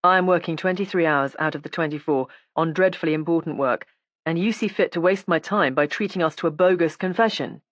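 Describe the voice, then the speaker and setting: A woman's voice: on the low side, brisk, no room sound, lightly acted. A woman reading an audiobook, voicing a stern male police inspector who speaks in a cool, clipped, ironic way. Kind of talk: audiobook character voice.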